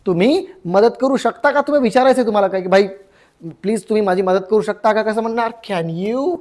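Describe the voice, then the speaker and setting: In a relaxed Marathi lesson, a young man teaches common English phrases, saying each one twice and stretching the English words out slowly. His voice sits high and has a slightly mellow quality.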